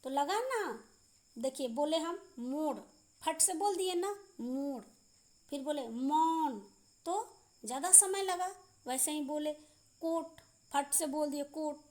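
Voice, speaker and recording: Slow high-voiced woman teaching children. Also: a little mellow. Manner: slow, drawn-out pronunciation drills with repeated word lists. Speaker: primary school teacher. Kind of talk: Hindi grammar lesson for children. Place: school class video.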